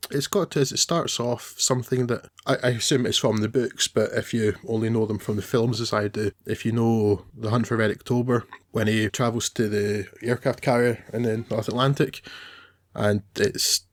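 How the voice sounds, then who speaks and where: A man's voice: medium pitch, steady tone, moderate pace. A man co-hosting a film podcast, giving loose, rambling opinions with hesitations and some laughs at himself. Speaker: podcast co-host. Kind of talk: casual film review chat.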